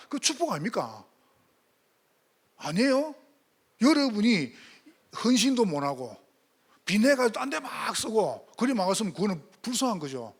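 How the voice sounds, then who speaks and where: A male pastor preaching a sermon, firing rhetorical questions and swinging between loud emphatic calls and hushed asides. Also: high voice, slightly rough.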